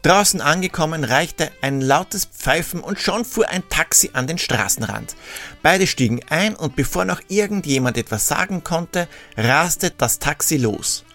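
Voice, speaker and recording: A man tells a scripted Christmas story with dry, sarcastic asides. His voice sits a little high. Faint music plays underneath. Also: animated, measured pace, fairly bright tone. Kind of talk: scripted narration.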